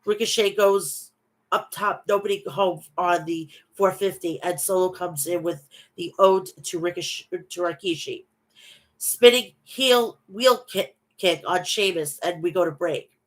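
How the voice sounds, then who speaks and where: Over poor audio, a woman hosts a casual wrestling recap, reading results and chatting with viewers despite a stuffy nose from a bad cold. Her nasal voice runs on the low side, and she speaks unhurriedly.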